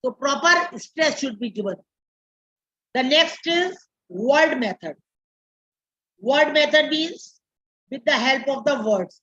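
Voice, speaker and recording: An Indian English-accented woman lectures in a classroom, drawing out each term and repeating it for her trainees. Her voice sits high and her pace is unhurried. The recording is muffled and lo-fi. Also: expressive, pushed and bright. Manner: slow, repeats terms, switches to Hindi. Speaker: teacher educator.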